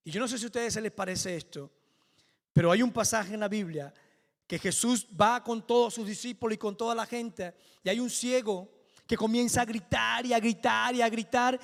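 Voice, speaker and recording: A male pastor preaching a sermon with fervour, building to near-shouted climaxes. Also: very high voice, steady tone, moderate pace, vocal fry. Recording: long hall reverb.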